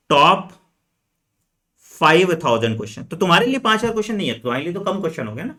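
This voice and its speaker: A man coaching medical entrance students in an energetic, chatty lesson, talking straight to them and dropping frequent fillers. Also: on the high side. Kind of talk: energetic exam-strategy lesson, chatty Hinglish.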